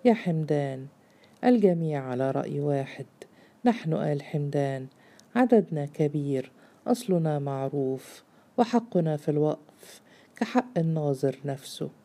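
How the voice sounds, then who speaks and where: A woman's voice: deep voice, lively intonation, normal speed, dark tone. A woman reader voicing a bitter, hot-tempered elder of the clan who speaks sharply.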